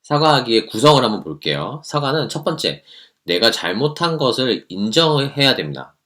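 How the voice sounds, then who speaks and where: A man teaching a lively lesson, playful and asking the viewer questions as he explains. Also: medium pitch, normal speed. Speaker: teacher explaining how to apologize.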